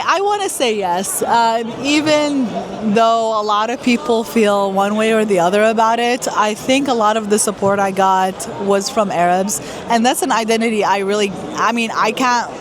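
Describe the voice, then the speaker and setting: A young woman from Iraq giving candid, casual interview answers, halting often with fillers. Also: mid-range voice, background noise. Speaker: guest performer. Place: busy trade fair hall. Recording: loud crowd chatter behind.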